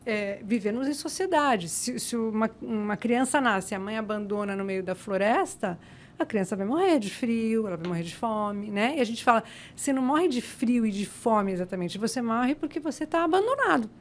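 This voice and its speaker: A woman's voice: fairly high pitch, expressive, moderate pace, a little hiss or hum. A woman, a psychologist guest on a podcast, explaining her ideas with rhetorical questions. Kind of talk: conversational podcast interview.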